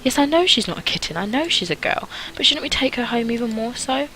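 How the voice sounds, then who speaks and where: A woman's voice: on the high side, lively intonation, fast talker, pushed and bright, slight background noise, voice pushed up, poor audio. A woman voicing an eager, chattering young girl who pleads earnestly in a storybook reading. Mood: pleading. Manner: earnest, wheedling, talkative. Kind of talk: amateur audiobook character reading.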